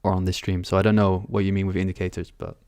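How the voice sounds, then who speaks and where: This trading livestream host, a young man born in London, sits in a small room with a headset mic, reading out chat questions and answering offhandedly. He speaks low and monotone at a quick pace, with a slightly mellow quality. The audio is studio quality and free of echo.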